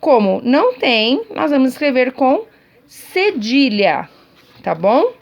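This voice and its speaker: A woman teacher records a lesson for pupils at home. She speaks in a slightly high voice and explains each point patiently, often repeating it. She keeps checking that the class is following along. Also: very animated, slow pace, vocal fry, highs cut off.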